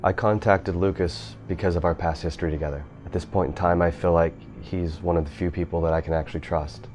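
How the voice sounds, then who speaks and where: A man's voice: low voice, steady tone, fairly quick, darkish tone, faint music behind, natural voice. A man playing an earnest, sober husband in a mock documentary interview. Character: earnest husband of a missing woman. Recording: faint background noise, room ambience.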